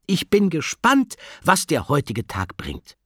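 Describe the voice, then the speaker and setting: A man voicing a brisk, friendly woman teacher in a children's audiobook, projecting like in a classroom. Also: a little high, huge pitch swings, husky, no room sound, studio quality, voice pushed up, exaggerated voice.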